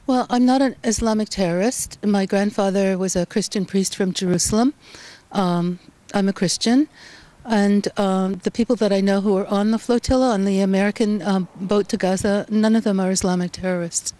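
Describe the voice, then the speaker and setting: Mellow-voiced woman journalist, measured. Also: medium pitch, fairly even intonation. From Canada. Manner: measured, thoughtful, frequent ums. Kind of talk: interview answers.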